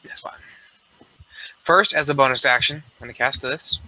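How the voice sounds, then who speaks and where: A man's voice: mid-range voice, expressive, moderate pace, pushed and bright, rough recording. A man playing a tabletop game, chatting casually with cocky jokes and swearing.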